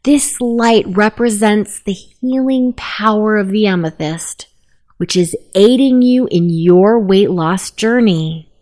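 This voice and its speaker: A woman narrating a guided meditation, giving gentle, unhurried instructions. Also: mid-range voice.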